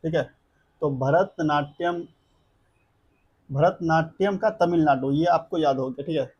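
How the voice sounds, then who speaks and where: A man's voice: a little high, a little slow, darkish tone, husky, lo-fi sound. Man teaching a memory trick. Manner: drills the class with repeated chanted phrases; keeps checking in with the class, asking if they follow. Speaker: exam coaching teacher.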